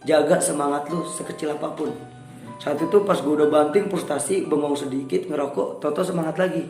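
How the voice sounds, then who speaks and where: A young man telling a story in a casual interview, animated, raising his voice for quoted dialogue. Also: on the high side, fairly quick. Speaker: guest storyteller. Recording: echoey room with soft music.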